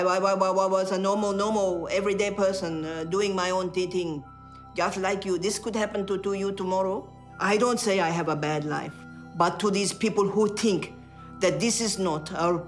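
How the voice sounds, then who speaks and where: A man speaks emphatically and with indignation in a TV news interview. His voice is high, and he stumbles into restarts as he talks. Soft music plays behind him. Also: fairly even intonation, measured pace.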